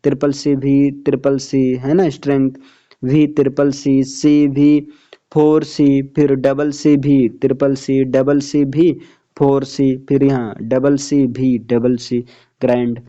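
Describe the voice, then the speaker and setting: A man's voice: medium pitch, little pitch movement, takes it slowly, dark tone. A man teaching a phonetics lesson, reading English lines and explaining them in Hindi, often checking whether students follow. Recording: dull lo-fi sound.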